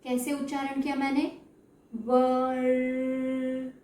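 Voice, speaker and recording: A woman's voice: high voice, animated, slow pace. A woman teaching Hindi spelling to children, drawing out syllables to model how they sound and often checking that they follow. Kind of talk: slow explanatory lesson. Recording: echoey room, mic at a distance.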